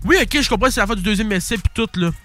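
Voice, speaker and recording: A young man with a Québécois accent chats about sports in an excitable, slangy way, swearing freely. His voice sits a little on the high side, and faint music plays beneath him. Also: racing. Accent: Québécois French. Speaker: podcast host. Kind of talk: casual sports chat.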